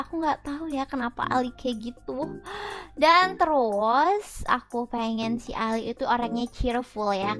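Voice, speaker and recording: High-voiced chatty woman gamer. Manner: chatty, scatters English words through her speech. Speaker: gaming channel host. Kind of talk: casual gameplay commentary. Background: background music.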